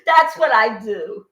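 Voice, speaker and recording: An older woman hosts her own cooking vlog from a home kitchen, chatting along at an unhurried pace. Her voice is bright and fairly high, and the kitchen gives it a roomy, echoey sound. She rambles and laughs easily. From born in Boston, Armenian family. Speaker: cooking channel host. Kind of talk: casual cooking vlog chat.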